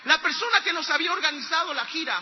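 High-voiced man preaching in a reverberant hall. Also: animated, fast, dull audio. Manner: earnest storytelling that builds to loud exhortation. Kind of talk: storytelling sermon.

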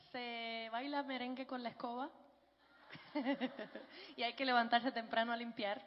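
A woman gives a church testimony, telling her life story with a joking, warm manner. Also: fairly high pitch. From Puerto Rico. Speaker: guest speaker giving a testimony. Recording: dull, echoey large hall.

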